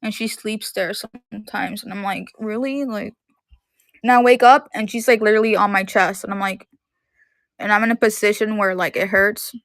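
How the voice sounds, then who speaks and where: A woman's voice: mid-range voice, fairly even intonation, normal speed, dry recording, clean studio sound. Rambling woman in her thirties. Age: 30s. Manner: rambling, heavy use of "like". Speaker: live-stream seller. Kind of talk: casual chat on a live stream. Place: at home in her room.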